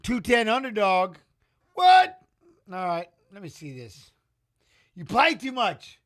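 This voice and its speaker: Excitable man calling a fight live. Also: high-pitched, unhurried. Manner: excitable, chatty, talks to viewers and chat. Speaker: watch-along host and fight commentator. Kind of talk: casual live fight commentary.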